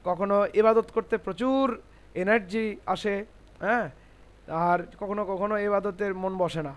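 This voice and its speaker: A man teaching Quran reading in a classroom lesson, explaining slowly, repeating rules and asking his class checking questions. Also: high-pitched. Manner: spells out Arabic letters syllable by syllable.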